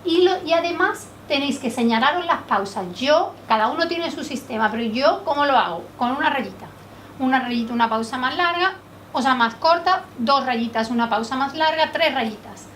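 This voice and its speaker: A woman from Spain leading a public speaking workshop in a training room, lively and quizzing the group with questions. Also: high voice, moderate pace. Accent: Spanish from Spain. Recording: distant mic, faint background noise.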